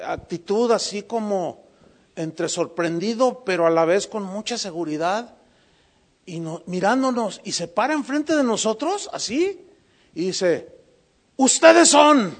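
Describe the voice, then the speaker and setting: A man preaching a sermon with a high voice, his delivery dynamic as he tells a story. He drops to a hush on some lines and pushes hard on others. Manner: dynamic, swings from hushed to emphatic.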